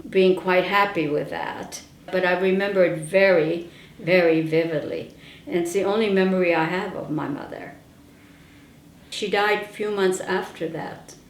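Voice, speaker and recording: Here the older interviewee's voice sits fairly low, and she speaks unhurriedly as she narrates her childhood for an oral history, adding wry comments along the way. A little hiss or hum sits under the roomy indoor echo.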